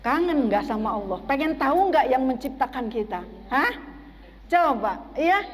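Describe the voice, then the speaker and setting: A woman's voice: sits high, big pitch swings, moderate pace, big-room sound. A woman preaching a sermon to a women's study group, often asking the audience questions. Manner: asks the audience questions and waits for replies. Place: mosque.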